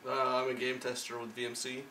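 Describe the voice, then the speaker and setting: A man in his twenties speaks in a flat, bright voice with some hesitation. He sounds far from the mic, in an echoey room with faint noise. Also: mid-range voice, a little fast. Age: 20s. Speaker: game tester.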